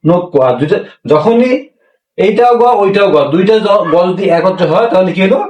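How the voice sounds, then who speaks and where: A man's voice: high voice, a little fast, darkish tone. Echoey, distant male language teacher. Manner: repetitive, asks questions and answers them himself. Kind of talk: classroom lesson explaining pronunciation. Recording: echoey room, mic far off.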